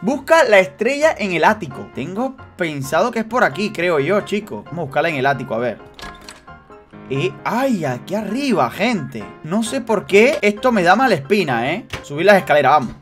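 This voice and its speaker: A man commentating a horror game for his viewers, joking and teasing, dropping to hushed suspense and then bursting into shrieks. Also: high-pitched, very animated, moderate pace, soft background music. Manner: swings between hushed suspense and sudden loud shrieks. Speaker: gaming youtuber. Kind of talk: excited let's-play commentary.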